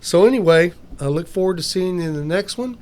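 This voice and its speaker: A man's voice: sits high, animated, brisk, darkish tone. A man hosting a casual podcast, talking in a folksy, upbeat way. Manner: folksy, upbeat sign-off talk. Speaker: podcast host.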